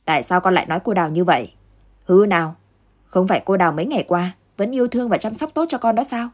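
A woman's voice: on the low side, fairly even intonation, normal speed, lightly acted. A woman voicing a middle-aged father who grumbles and scolds in a storybook tale. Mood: grumbling.

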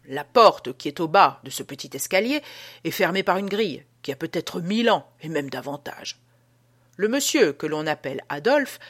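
A woman's voice: fairly low pitch, breathy edge, exaggerated voice. Woman reading as an old prison guard. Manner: dramatic, hushed storytelling. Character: old male prison guard telling an uncanny tale. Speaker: audiobook reader. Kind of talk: audiobook reading.

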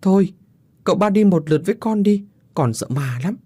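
A man's voice: high-pitched, animated, fairly quick, warm tone, breathy edge, dry recording, studio quality, pitched above the performer's own voice. A man voicing a frightened little village boy who whimpers and pleads. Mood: pleading.

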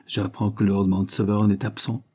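A man reading an audiobook, voicing a kindly, courteous gentleman lawyer who speaks politely. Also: on the low side, flat delivery, normal speed, slightly rough.

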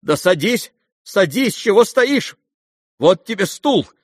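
A man's voice: high voice, expressive, unhurried, a bit bright, no echo, studio quality, pitched above the performer's own voice. A man voicing an imperious, furious older noblewoman who scolds in an exclamatory, indignant way, in an audiobook reading. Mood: agitated.

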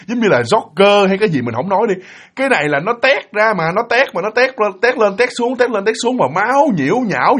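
A man's voice: sits high, fairly bright tone, slightly rough. A man with a Southern Vietnamese accent who tells a ghost story to his audience in a vivid, dramatic way.

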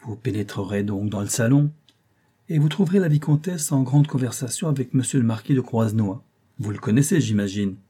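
A man's voice: medium pitch, expressive, brisk, mellow, husky. A man reading an audiobook, voicing a scheming male mastermind who gives orders in a cool, commanding manner. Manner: commanding, coolly instructive.

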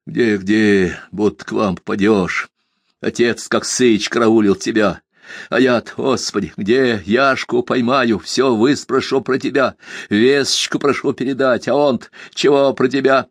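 A man's voice: medium pitch, fairly even intonation, unhurried, dry recording, studio quality. A man reading an audiobook, voicing a young village lad who desperately begs his beloved. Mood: imploring. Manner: urgent, imploring.

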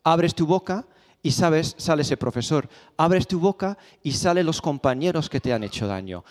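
A male pastor preaches, telling stories and hammering points home through rhetorical questions and repetition. His voice sits a bit high and carries a long reverb the church hall. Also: animated, moderate pace. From Spain. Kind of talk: sermon. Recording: echoey hall.

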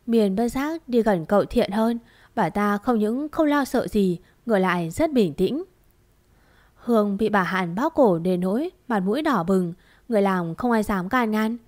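A woman narrating a dramatic story in a steady, expressive reading voice. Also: medium pitch.

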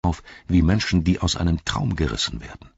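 Deep-voiced man narrating a story. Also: very animated, a little fast, vocal fry, a little mellow, slightly rough, dry recording, lo-fi sound. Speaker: audiobook narrator. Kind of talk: scripted narration.

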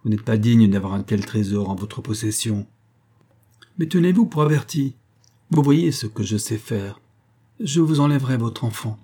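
Haughty, defiant chevalier in a storybook reading, voiced by a man; dark, husky tone. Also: mid-range voice, lively intonation, moderate pace, lightly acted. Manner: haughty, threatening. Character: proud young chevalier, defiant lover.

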